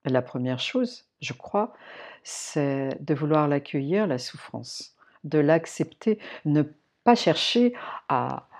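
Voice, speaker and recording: A woman's voice: deep voice, darkish tone. A woman hosting a personal-growth podcast, talking straight to the listener in an informal, searching way with many fillers and restarts. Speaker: podcast host. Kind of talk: reflective personal-growth talk.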